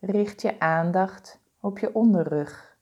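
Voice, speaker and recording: A woman leading a guided body-scan meditation, giving calm, soothing, deliberate instructions with pauses. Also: medium pitch, husky, highs cut off.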